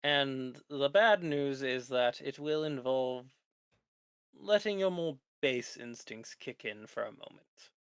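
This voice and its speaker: A masked lich professor for a tabletop roleplay acted out by a man. He explains things calmly and formally, in measured phrases at a middling pitch. The sound is close and dry. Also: smooth, no echo. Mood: matter-of-fact. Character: lich professor in a metal mask, calm, instructive.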